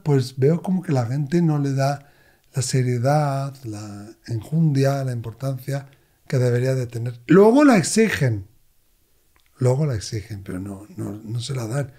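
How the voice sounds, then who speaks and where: A man, a medium, telling expressive stories as an interview guest. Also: medium pitch. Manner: expressive, animated anecdotes. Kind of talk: conversational storytelling.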